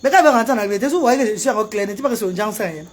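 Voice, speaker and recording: Animated woman live-streaming. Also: a little high, racing. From Cameroon. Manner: animated, swings into loud wailing chants. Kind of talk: casual live stream chat. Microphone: phone camera.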